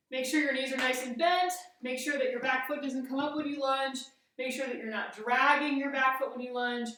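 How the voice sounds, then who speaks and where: A woman with a fairly high voice instructs a fencing exercise step by step. She is recorded at some distance from the microphone, and the room echoes heavily around her words. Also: a bit bright. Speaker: fencing coach. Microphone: camera at a distance.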